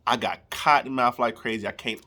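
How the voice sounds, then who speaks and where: A man's voice: mid-range voice, steady tone, fairly quick, bright, forceful tone, slight background noise. A young man, telling a comedic story casually and animatedly, laughing and acting out scenes. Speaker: storyteller vlogger.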